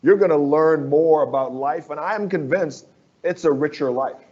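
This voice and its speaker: A man's voice: a little high, normal speed, highs cut off. A man from the Bahamas, a construction firm executive, speaking as an interview guest in an earnest, persuasive way that repeats phrases for emphasis.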